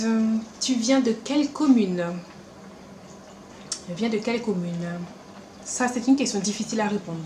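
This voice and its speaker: Speaking at a middle pitch in French that blends a Caribbean lilt with Parisian speech, this young beauty vlogger chats casually to camera in a room at home, quick and animated with playful asides and acted-out quotes. Born in Paris and raised partly in Martinique, she's recorded in an echoey space with a faint background hum.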